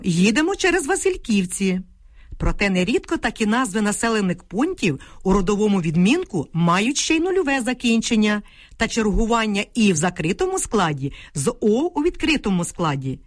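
A woman's voice: medium pitch, no room sound, studio quality. A middle-aged woman, a linguist, carefully reading out answers to listener letters in a precise, teacherly manner. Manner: precise, didactic, reads carefully. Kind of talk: scripted radio explanation.

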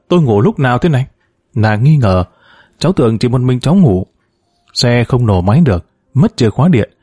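A man narrating a story in a measured, expressive way. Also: medium pitch, no echo, clean studio sound.

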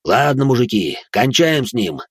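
A male narrator voicing a bald, cocky gang leader who talks in a rough, swaggering way. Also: medium pitch, very animated, normal speed, no room sound, clean studio sound. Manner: coarse, swaggering street talk.

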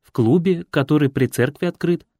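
A man's voice: on the high side, moderate pace, dark tone, slightly rough, no echo, voice pushed up. An eager, chatty young village woman, as a male audiobook reader puts her on, lifting his voice well above his own. She talks earnestly and a little pleadingly, recorded close and dry. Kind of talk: audiobook character voice.

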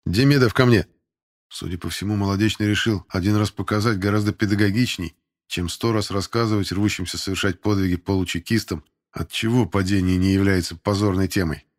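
A man's voice: deep voice, steady tone, a little fast. A man reading a first-person novel aloud in a wry, conversational narrating manner. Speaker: audiobook reader.

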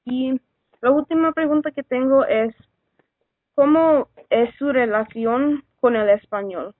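A woman conducting a friendly class interview, asking questions in a halting way. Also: high-pitched, dry recording. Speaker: student interviewer. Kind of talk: casual phone interview. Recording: tinny phone line with faint noise.

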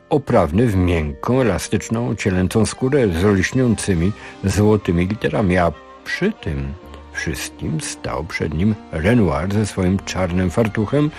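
A man reading a story aloud on the radio in an unhurried, expressive way. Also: low-pitched. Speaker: radio reader. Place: radio studio.

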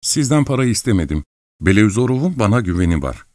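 A man's voice: on the low side, sing-song, fast, a little mellow, dry recording, studio quality, voice pushed up. A man voicing a playful, mocking young princess in an audiobook reading. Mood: coquettish. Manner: mocking, coquettish.

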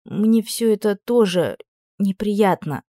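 A woman voicing a gentle, anxious young prince who speaks softly and quietly. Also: medium pitch, animated, slow, dry recording, clean studio sound.

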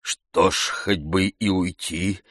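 A timid old manservant, as a man reading aloud puts him on, grumbling and pleading in humble mutters. The voice sits low and the sound is dry and close. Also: fairly even intonation, slow, fairly bright tone, dry recording, full character voice. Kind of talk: audiobook reading.

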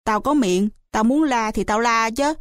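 A woman reading an audiobook, voicing a bossy young boy who teases and scolds in a brash, quick way. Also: on the high side, dry recording, studio quality, natural voice.

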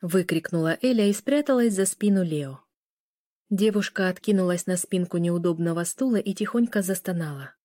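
Mellow woman narrating an audiobook. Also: fairly low pitch, moderate pace, dry recording, clean studio sound.

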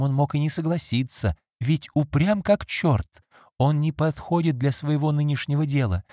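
A man's voice: fairly high pitch, mellow, no echo, studio quality, pitched above the performer's own voice, lightly acted. A man reading an audiobook and voicing a timid former maid, now an innkeeper's wife, who whimpers and pleads in a raised, woman-like voice. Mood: pleading.

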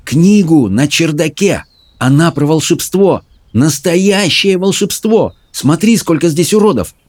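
A man voicing an excitable young boy who protests defensively, in an audiobook story. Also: on the high side, a little slow, voice pushed up. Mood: eager. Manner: eager, protesting.

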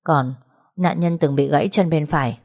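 A calm, meticulous young male forensic expert explains his findings in a low, mellow, measured voice, as a woman narrator reads him. He is precise and unhurried. It is audiobook storytelling.

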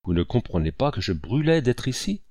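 A man's voice: medium pitch, big pitch swings, brisk, darkish tone, no echo, clean studio sound. A man reading an audiobook and voicing an impulsive, effusive old colonel with emphatic exclamations.

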